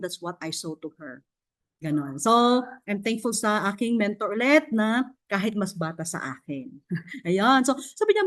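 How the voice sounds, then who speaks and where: A woman gives a casual motivational talk to an online audience, speaking off camera. She is a chatty, encouraging mentor who speaks directly to her listeners. Her speech is halting, full of fillers and restarts. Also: medium pitch. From Philippines. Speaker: mentor sharing her success story. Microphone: off camera, online session mic.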